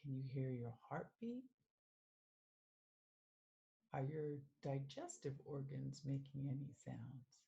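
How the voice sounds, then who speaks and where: Slow, soothing woman guiding meditation. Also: rumbling low, vocal fry, muffled recording. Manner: slow, calm, soothing guidance. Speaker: mindful living coach. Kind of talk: guided meditation.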